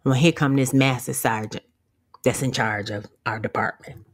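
A woman's voice: very deep voice, steady tone, normal speed. A woman giving a motivational rant on her vlog. She is brash and profane and laughs often. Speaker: vlogger.

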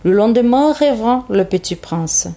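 Woman reading a storybook aloud, portuguese speaker, slow and halting, fixes her slips. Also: fairly high pitch, lively intonation, dark tone. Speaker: reader.

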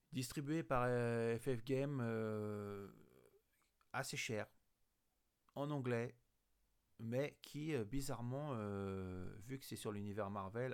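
A man's voice: mid-range voice, creaky. A man hosting a casual news roundup about tabletop games, speaking hesitantly with many fillers and restarts. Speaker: host.

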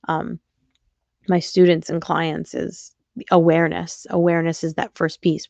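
A woman's voice: sits low, vocal fry, no echo, muffled recording. A young adult woman hosting a podcast as a coach, speaking frankly in a casual reflective monologue and swearing now and then. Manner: frank and candid, occasional swearing.

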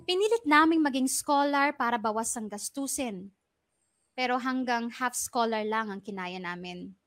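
Woman reading a heartfelt letter on the radio, somewhat high voice, faint music under it. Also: fairly bright tone, dry recording. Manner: earnest, confessional storytelling. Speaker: radio drama narrator reading a listener's letter. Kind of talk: scripted letter narration.

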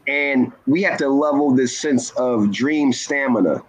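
A man speaking as a guest in an inspirational talk, earnest and measured, stressing key words. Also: mid-range voice, slightly rough, low-quality recording. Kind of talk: inspirational talk-show conversation.

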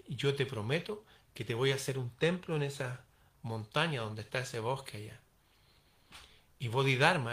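A man's voice: medium pitch, a bit bright. A man telling a parable aloud, acting out the dialogue in varied voices. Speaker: storyteller. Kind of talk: oral storytelling of a parable.

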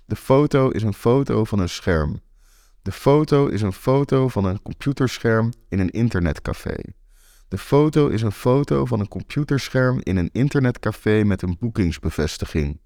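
A young man narrates a first-person story in a low voice with wry, deadpan timing. The recording is dry and close, with no room sound at all. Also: moderate pace, no room sound. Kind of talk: audiobook story reading.

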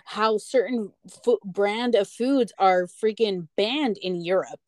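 A woman's voice: mid-range voice, takes it slowly, a little mellow, no room sound. An American woman co-hosting a podcast, talking in a rambling, emphatic way and swearing freely. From United States. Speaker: podcast co-host. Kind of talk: casual chat.

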